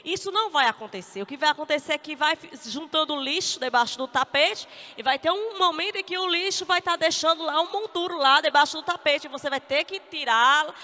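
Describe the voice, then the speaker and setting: A woman with a Brazilian Portuguese accent giving a lively church teaching talk on marriage, acting out the complaints of spouses. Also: high-pitched, a little fast. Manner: animated, acts out spouses' complaints. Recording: echoey hall, dull lo-fi sound.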